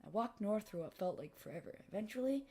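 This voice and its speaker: A woman narrating a scripted horror story, reading dramatically with phrases that tail off softly. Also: mid-range voice, lively intonation, quick pace, slightly rough. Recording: music behind the voice. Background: music.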